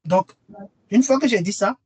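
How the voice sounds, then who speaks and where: A man's voice: high voice, normal speed, a little hiss or hum. A man presenting a webinar and earnestly persuading listeners to join his training course, repeating key phrases for emphasis. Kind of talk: webinar sales pitch.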